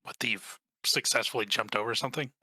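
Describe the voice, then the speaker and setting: A man's voice: mid-range voice, a little fast, pushed and bright, slightly rough, dry recording. A man playing in a tabletop game, teasing the others with jokes. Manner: teasing, joking. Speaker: player. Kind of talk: casual tabletop chat.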